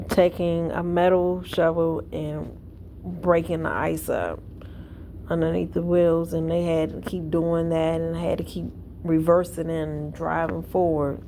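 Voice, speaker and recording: A woman's voice: lowish voice, warm tone, slight background noise. A woman vlogging from home in casual chat, tired and yawning, telling a rambling story. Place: at home indoors.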